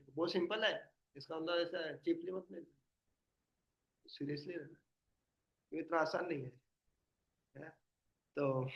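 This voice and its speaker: A man's voice: on the high side, muffled recording. A man leading a devotional study session, explaining patiently and quizzing his listeners with questions. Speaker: spiritual teacher.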